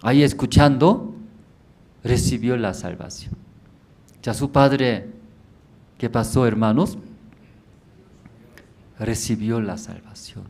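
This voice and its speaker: A man's voice: mid-range voice, slow pace, pauses often, a little mellow. A man pastor preaching a sermon in a church, telling a story in simple words and asking the congregation rhetorical questions.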